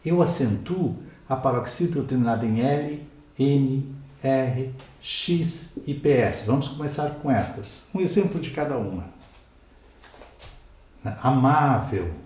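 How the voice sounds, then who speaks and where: A man's voice: mid-range voice, expressive, takes it slowly, a little mellow, heavy reverb. A Brazilian man teaching a grammar lesson at a board, explaining step by step and checking in with his listeners. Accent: Brazilian Portuguese. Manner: explanatory, checks in with "né?" and "ok?", spells out letters. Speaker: Portuguese teacher.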